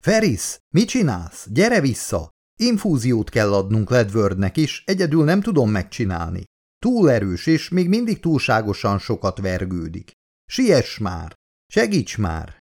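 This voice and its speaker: A man's voice: on the low side, huge pitch swings, darkish tone, heavily acted. A man voicing a terrified woman scientist in an audiobook, pleading desperately. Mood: frantic pleading.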